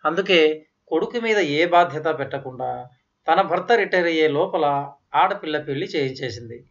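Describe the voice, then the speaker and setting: A man narrating a written story in a steady, measured reading voice. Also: on the high side. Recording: slightly dull, lo-fi audio.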